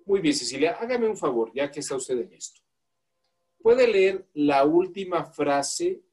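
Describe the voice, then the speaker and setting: A man's voice: a little high, lively intonation, a little slow, darkish tone. Mexican man lecturing a law class. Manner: asks the class questions and coaxes volunteers. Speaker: law course instructor.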